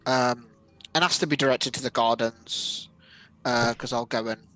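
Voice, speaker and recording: A man's voice: mid-range voice, steady tone, normal speed, a bit bright, rough recording. A man playing a tabletop game, chatting casually and hesitantly, often interrupting himself.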